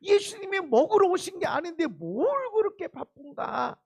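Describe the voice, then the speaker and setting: A middle-aged male pastor giving an animated sermon, acting out the people in his Bible story. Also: very high voice, normal speed, gravelly. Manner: animated, acts out biblical quotes in lively voices.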